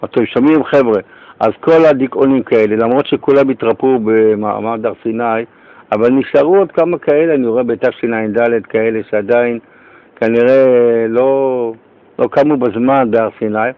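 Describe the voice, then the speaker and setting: Excitable male radio host, lo-fi. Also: mid-range voice. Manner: lively storyteller, excitable. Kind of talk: radio interview.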